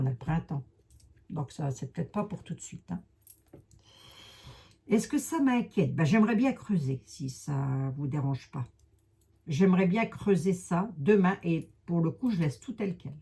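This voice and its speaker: A woman with a Lorraine accent reads oracle and tarot cards in a loose, talkative way, wandering into asides and correcting herself. Her voice is low-set, mellow and a little husky. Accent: Lorraine French. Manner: chatty, rambling, with many hesitations and asides. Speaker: tarot and oracle card reader. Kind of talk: casual card reading to viewers.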